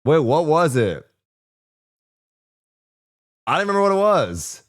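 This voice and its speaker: A man's voice: a little high, very animated, measured pace, no room sound. A worn-out, hungover man chatting casually to livestream viewers in slangy, profane, rambling, self-deprecating talk, on a close streaming microphone. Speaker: live streamer.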